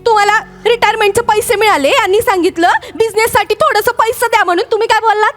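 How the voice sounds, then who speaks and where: A shrill indignant daughter-in-law. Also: female voice, fast, a bit bright. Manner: insistent, talks over others. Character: shrill village daughter-in-law defending husband. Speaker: comic actress. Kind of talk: stage sketch comedy. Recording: stage with music.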